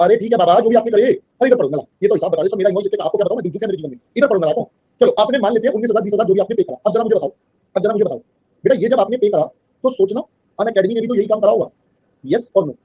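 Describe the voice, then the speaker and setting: Fast-talking man teaching an online class. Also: sits high, mellow, breathy edge, dull audio. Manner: keeps checking understanding, calls students "beta". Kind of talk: online class lecture mixing Hindi and English.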